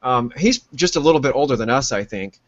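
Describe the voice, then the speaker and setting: A man's voice: medium pitch, animated, fairly quick, no echo. A man co-hosting a podcast who rambles with lots of fillers and gives blunt opinions during casual chat. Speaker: podcast co-host. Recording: dry, dull lo-fi sound.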